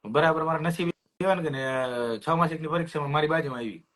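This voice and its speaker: A man's voice: a little high, quick pace. A man, telling childhood stories in casual chat and acting out other people's lines. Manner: lively anecdotes, acts out classmates' lines. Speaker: podcast co-host.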